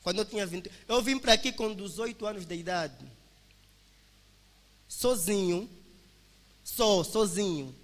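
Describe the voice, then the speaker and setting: A big-room sound surrounds a twenty-something man with an Angolan Portuguese accent as he gives an emphatic, preacher-like testimony, addressing the congregation as brothers. His high, a bit bright voice is animated yet measured, broken by long pauses.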